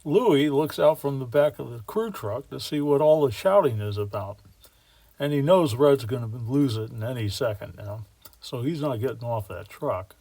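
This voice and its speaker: A man narrating a story in a folksy, wry tone, dropping casual slang as he goes. His pitch sits in a middle range. The recording is dry and close, with no room sound. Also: expressive, normal speed, gravelly, mellow, no echo. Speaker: storyteller and model railroad builder.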